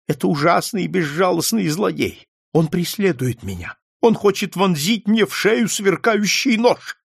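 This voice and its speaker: A man's voice: expressive, moderate pace, creaky, slightly rough, no echo, clean studio sound, exaggerated voice. A man voicing a frail, paranoid old man who is terrified and suspicious of everyone, in an audiobook reading. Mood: fearful. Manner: shrill, pleading, frantic.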